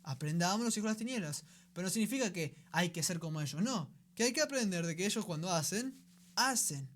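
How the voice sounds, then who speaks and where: A man's voice: sits high, animated, fairly quick, fairly bright tone. A man with a Rioplatense Spanish accent hosting a radio program, giving a conversational teaching talk and often checking in with his listeners.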